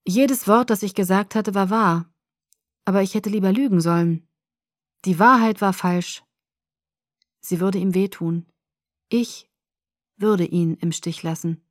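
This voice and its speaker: A woman narrating a first-person story in a calm, measured audiobook reading. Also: medium pitch, no room sound, studio quality.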